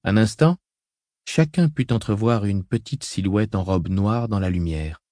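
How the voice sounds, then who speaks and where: A man narrating an audiobook in a measured, dramatic reading style. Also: lowish voice, mellow, no echo, studio quality.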